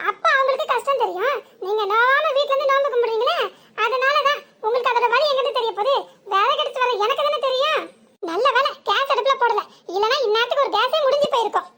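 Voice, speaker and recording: Woman voicing a cartoon village wife, very high squeaky voice, rapid-fire, southern Tamil village accent, scolding. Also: bright, forceful tone. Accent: southern Tamil village dialect. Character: sharp-tongued young village wife, quarrelsome. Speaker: cartoon character. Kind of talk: comic cartoon voice acting.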